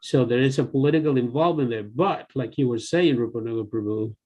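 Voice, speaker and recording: A man's voice: mid-range voice, quick pace, mellow, highs cut off. Hesitant older man on a video call. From born in El Salvador, raised in the US and Canada. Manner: hesitant, many fillers and restarts. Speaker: longtime devotee joining the call. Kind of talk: casual discussion on a video call. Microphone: video call computer mic.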